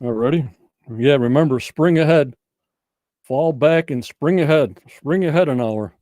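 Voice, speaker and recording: Laid-back guy running a trivia game, mellow voice, dry close mic, jokey and rambling. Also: a little high, unhurried, no echo. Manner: folksy, rambling, jokey game-show patter. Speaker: host of a livestream trivia game. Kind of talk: casual livestream chat.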